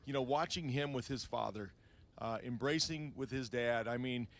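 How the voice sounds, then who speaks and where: A man's voice: medium pitch, normal speed. A man giving conversational, slightly hesitant color commentary from a sports booth. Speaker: color commentator, former pro player.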